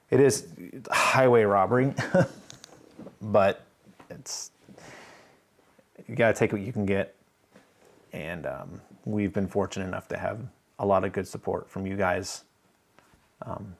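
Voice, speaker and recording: A man with a deep voice and vocal fry hosts a casual live stream. As he works, he thinks aloud and chats easily with viewers.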